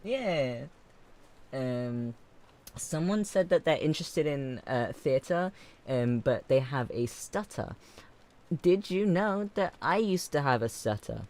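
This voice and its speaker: A man's voice: on the high side, expressive. A young man hosting a livestream, rambling through casual stories with lots of fillers and laughter. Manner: rambling, filler-heavy, frequent laughs, gets louder and faster. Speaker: livestream host.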